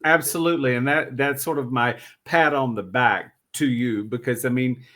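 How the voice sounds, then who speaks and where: A man's voice: medium pitch, normal speed, a crowd in the background. A middle-aged or older man interviewing casually, reflective, feeling his way through his phrasing.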